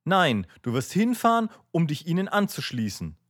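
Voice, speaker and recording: A distressed, devout young man, his voice climbing high as he pleads, put on by a male reader. The tone is earnest and imploring. The recording is dry and close, with no room sound. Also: sing-song, normal speed, fairly bright tone, dry recording. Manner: raised, imploring.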